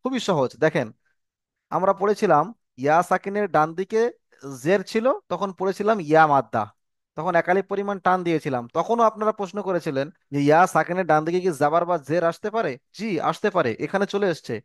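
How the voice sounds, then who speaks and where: A man teaching Quran letter reading in an online class, slow and patient, repeating phrases and calling his students brother. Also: high-pitched, dry recording, studio quality. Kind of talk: online lesson.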